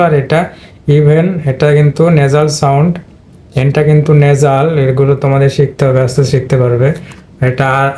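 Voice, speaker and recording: Man teaching a steady, flat-voiced lesson. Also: on the high side. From Bangladesh. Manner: explains step by step, addressing students directly. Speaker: English teacher. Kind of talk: Bengali-language spelling and pronunciation lesson.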